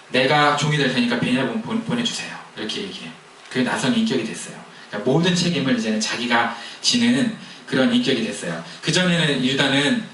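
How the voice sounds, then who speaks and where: A man's voice: medium pitch, fairly bright tone, slight background noise. A man preaching a sermon in a conversational, storytelling way, asking the congregation questions as he goes. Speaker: pastor. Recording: echoey hall heard from a distance.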